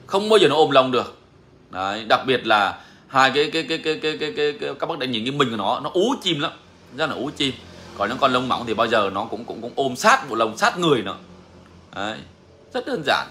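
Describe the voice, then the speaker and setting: A man's voice: medium pitch, animated, fast talker, pushed and bright, slight background noise. A man, a songbird breeder answering viewers in a casual live chat. He is emphatic and repeats his phrases.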